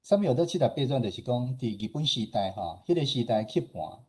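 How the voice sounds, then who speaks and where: With a quick, sing-song delivery, this medium-pitched male voice carries a breathy edge. The speaker, a Taiwanese-accented radio station director and host, presents a talk as an informal slide show. He explains conversationally and frequently tags phrases with little agreement-seeking particles.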